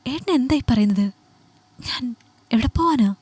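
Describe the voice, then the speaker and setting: A woman's voice: a little high, expressive, a little slow, a little mellow, slightly rough, no echo, pitched above the performer's own voice. A woman voicing a hurt young housewife who pleads with her husband and broods over his coldness in an audiobook story. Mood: pleading.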